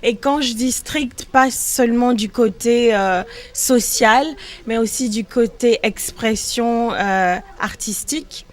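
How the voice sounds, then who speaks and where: A woman's voice: a little high, slow. A young woman from Congo, a singer, talking casually in an interview with many hesitations and restarts. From Democratic Republic of the Congo.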